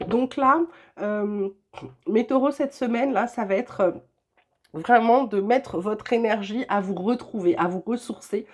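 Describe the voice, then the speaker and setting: An older woman with a cold reads weekly tarot guidance from home in an unhurried, medium-pitched voice. She's chatty and reassuring but hesitates often.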